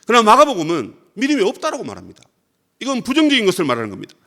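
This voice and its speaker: Animated, high-pitched male preacher. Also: racing. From Korea. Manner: preaching with dramatic acted quotes of Jesus. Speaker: pastor. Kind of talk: sermon.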